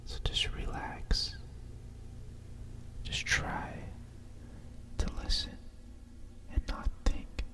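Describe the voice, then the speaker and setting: A fully whispered ASMR voice, reading a bedtime story right in your ear. The delivery is slow, soft and breathy, with soothing asides between the lines of the picture book. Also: distant mic.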